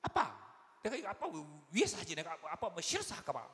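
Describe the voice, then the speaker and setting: A woman's voice: lowish voice, wildly swooping pitch, voice pushed up. A man voicing his chatty, teasing grown-up younger daughter, coaxing and cheeky. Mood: lecturing. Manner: coaxing, cheeky, quick-tongued. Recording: long hall reverb, faint noise.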